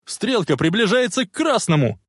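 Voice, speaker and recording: A man voicing an excitable young man who shouts urgently and frantically to his friend. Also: on the high side, normal speed, no echo, clean studio sound. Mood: frantic yelling.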